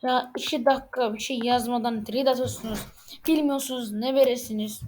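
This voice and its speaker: A woman hosting a game channel, giving casual gameplay commentary with excitable, exclaiming reactions. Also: on the high side, fairly quick, a little hiss or hum.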